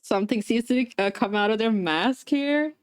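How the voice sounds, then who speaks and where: A woman's voice: fairly high pitch, normal speed, clean tone, no room sound, clean studio sound. A young adult woman livestreaming, telling a story in a rambling casual chat with lots of fillers while assembling a craft. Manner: chatty, rambling, many fillers, laughs often.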